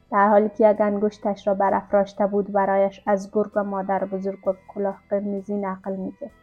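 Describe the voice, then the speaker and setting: A woman reading a literary novella aloud as an audiobook narrator, in a calm, even storytelling manner. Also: mid-range voice. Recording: dull lo-fi recording with faint music.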